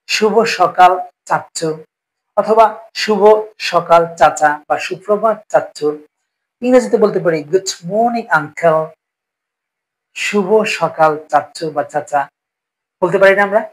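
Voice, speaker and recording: A man's voice: high voice, rough recording. A man teaching a spoken English lesson, explaining patiently and repeating each phrase with frequent check-ins. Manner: explains slowly, repeats phrases, often asks "ঠিক আছে?".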